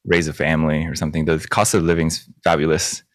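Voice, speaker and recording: A man, a guest chatting casually in an interview and often pausing on fillers. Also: extremely low pitch, no room sound, clean studio sound. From South Korea. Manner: hesitant, many fillers and restarts, animated when recounting. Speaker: guest guitarist and music producer.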